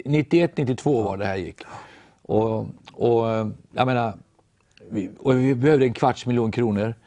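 Gravelly Norwegian man telling a story. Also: fairly low pitch, dry recording. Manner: animated storytelling, voices others in quotes. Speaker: guest storyteller.

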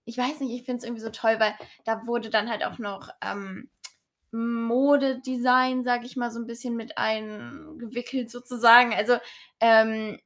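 A woman's voice: on the high side, moderate pace. A young woman co-hosting a casual book podcast, speaking hesitantly and rambling with many fillers. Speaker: podcast co-host.

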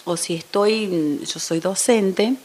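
A woman guest, a teacher, talking through an interview in a thoughtful way and often dropping into soft near-whispers. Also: medium pitch, slow pace. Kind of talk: casual interview chat.

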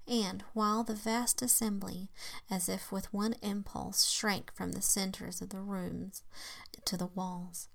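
A woman reading a classic tale aloud in a hushed, half-whispered voice, with slow, dramatic phrasing and occasional slips. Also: medium pitch, vocal fry. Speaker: reader.

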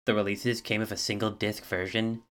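A man with a very low voice co-hosts a casual podcast. He reads out facts from his notes, filling the gaps with ums and uhs. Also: level tone, moderate pace, a bit bright. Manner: reads album facts from notes, hesitant fillers. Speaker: podcast co-host. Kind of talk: casual chat.

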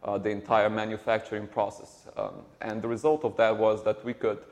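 A man, a startup co-founder answering interview questions in a halting way with many repeated words. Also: fairly low pitch, little pitch movement, a little mellow. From Slovenia. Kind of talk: conversational interview.

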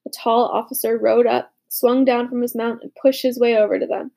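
A woman narrating a war story as a young soldier, with dramatic, hushed, urgent delivery in the dialogue. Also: a little high, fairly even intonation, normal speed, creaky. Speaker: narrator voicing a boy soldier. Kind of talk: audiobook narration.

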